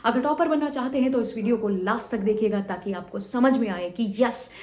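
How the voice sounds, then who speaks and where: A young woman teacher gives students a motivational talk with exam tips, repeating phrases for emphasis and acting out a story between two students. Her voice is on the high side, darkish, and fairly quick, with reverberation.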